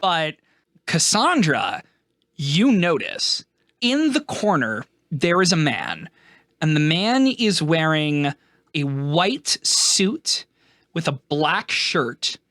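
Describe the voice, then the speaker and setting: A man's voice: on the high side, big pitch swings, extremely slow, fairly bright tone, dry recording, studio quality. A man narrating a tabletop game as game master, casual and laughing often.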